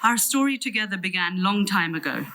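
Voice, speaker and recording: A middle-aged British woman reading a prepared farewell speech in a tender, solemn, measured way. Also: mid-range voice, lively intonation, pushed and bright, poor audio. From London, England. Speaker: sister giving a farewell eulogy.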